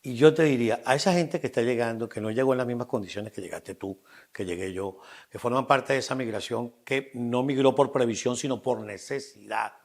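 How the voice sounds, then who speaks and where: A man's voice: mid-range voice, fairly quick, creaky. A man hosting an interview, asking questions in an affirming, rhetorical way. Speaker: interview host.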